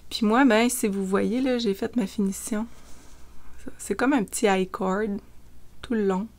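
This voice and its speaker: A woman's voice: medium pitch, fairly even intonation, unhurried, a little mellow. A woman with a Quebec French accent, casually chatting through a knitting vlog with frequent fillers. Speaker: knitting vlogger. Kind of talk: casual show-and-tell chat.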